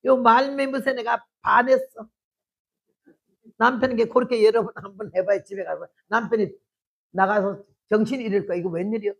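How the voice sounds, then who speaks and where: A woman in her eighties, a missionary preacher, giving a testimony sermon and telling stories that swing from hushed to shouting. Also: a little high, steady tone, moderate pace, creaky, husky, dull audio. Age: 80s.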